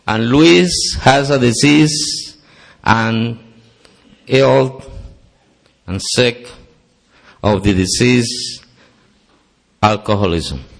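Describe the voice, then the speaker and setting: A Costa Rican man with a lowish, creaky voice stands up at a recovery meeting in a meeting hall to give a sincere personal testimony, peppered with self-deprecating humor. Spanish is his native language, and he speaks with a Costa Rican Spanish accent.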